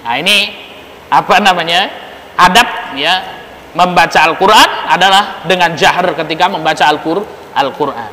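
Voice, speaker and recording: A man giving a relaxed religious lecture, teasing his listeners and asking them questions. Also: fairly high pitch, moderate pace, slight background noise. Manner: joking, asks the audience questions. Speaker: ustadz teaching a study circle. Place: prayer room. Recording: echoey prayer room with long reverb.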